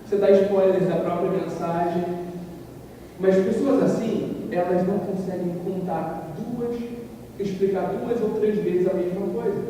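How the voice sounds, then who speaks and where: Brief: animated male speaker, dark mellow tone, heard from far off in a reverberant hall. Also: high-pitched, slight background noise. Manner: animated, acts out quoted voices loudly. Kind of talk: talk to a live audience. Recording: echoey hall, far from the mic.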